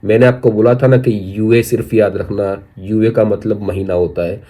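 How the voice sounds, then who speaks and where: A young man teaching Chinese vocabulary, repeating each word slowly several times and drawing out the syllables, checking in with viewers as friends. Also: lowish voice, steady tone, warm tone. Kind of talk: slow spoken language lesson.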